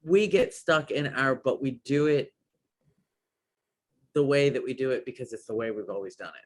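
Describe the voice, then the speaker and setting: A man's voice: mid-range voice, normal speed. A man guesting on a podcast, talking casually and enthusiastically, with many "like"s and restarts. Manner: enthusiastic, rambling, lots of "like".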